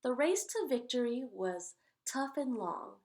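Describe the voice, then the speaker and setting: A woman hosts a read-aloud of children's picture books, giving the rhymes expressive emphasis and chatting casually between them. Her high voice moves a little slowly, with slight background noise.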